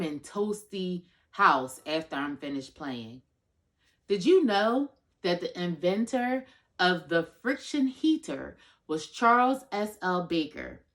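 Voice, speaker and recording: Woman in her thirties, children's storytime host, chatty address, lively pitch swings, slightly low voice. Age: 30s.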